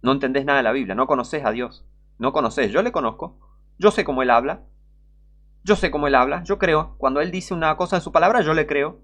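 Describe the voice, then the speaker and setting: A man's voice: on the high side, fast, a bit bright. Emphatic scolding Rioplatense preacher man. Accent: Rioplatense Spanish. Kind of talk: online sermon.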